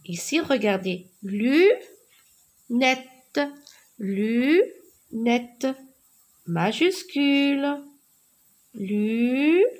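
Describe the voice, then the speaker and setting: Very slow-spoken woman teacher. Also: on the high side, expressive, a little mellow. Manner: slow, spelling words letter by letter; clear, deliberate teacher's diction. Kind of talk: slow French spelling and writing lesson.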